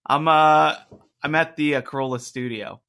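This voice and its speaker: A man's voice: on the high side, steady tone, moderate pace, pushed and bright, clean tone. A man on a video call with the hosts, giving brief, hesitant answers in casual chat.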